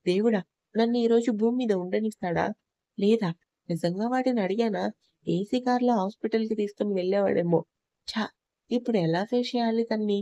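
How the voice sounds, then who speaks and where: Lady doing scared teary young wife, pleading, mellow voice. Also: medium pitch, moderate pace, no room sound, muffled recording, close to an everyday voice. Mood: frightened. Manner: pleading, anxious. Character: frightened tearful young wife.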